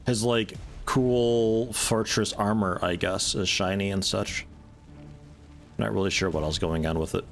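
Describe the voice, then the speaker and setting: A man streaming a video game, giving relaxed, wry commentary and swearing casually. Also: fairly low pitch, measured pace, vocal fry. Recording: game music playing underneath.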